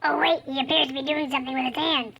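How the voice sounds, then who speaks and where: A man voicing a frantic young field reporter in a squeaky, high put-on voice. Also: fairly even intonation, vocal fry, sharp tone, full character voice. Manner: squeaky, rushed, from far off.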